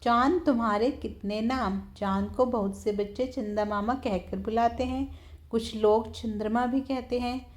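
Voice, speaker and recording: A woman teacher works through a textbook lesson for small children. Her voice sits a little high, and she explains patiently, breaking phrases into slow single words and checking in often. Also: fairly even intonation. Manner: patient, repeats words slowly, keeps saying "theek hai".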